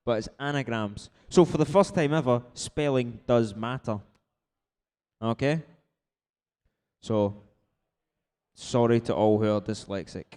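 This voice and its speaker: A man's voice: medium pitch, a little slow, long pauses, a little mellow, clean tone. A man hosting a live quiz in a casual way, explaining things informally with frequent check-in tags. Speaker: quiz host.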